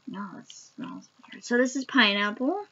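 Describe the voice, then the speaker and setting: A woman's voice: on the high side, animated, measured pace, bright, forceful tone, dull audio. A young adult woman chatting casually to camera as a vlogger while eating sour candy, recorded on a webcam in a home room. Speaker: vlogger doing a candy taste challenge. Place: small home room, indoors. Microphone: webcam at arm's length.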